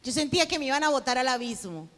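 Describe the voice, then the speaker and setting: A woman preaches, telling her own story and playing out each exchange, sometimes climbing to a shout. Her voice is bright and forceful, pitched a little high. It rings with the long reverb of a large hall. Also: animated, fast. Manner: storytelling, acting out dialogue, rising to shouts. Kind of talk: sermon testimony.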